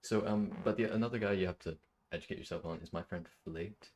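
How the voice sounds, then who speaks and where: Male host, low husky voice, deadpan mock-sincere online chat. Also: quick pace. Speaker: video host chatting with strangers online. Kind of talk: casual chat, deadpan trolling.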